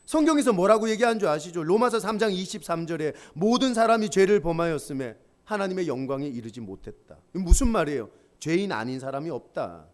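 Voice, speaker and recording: A male pastor delivering a lively sermon with humor and call-and-response lines for the congregation. His voice is high for a man and moves through a wide, expressive pitch range.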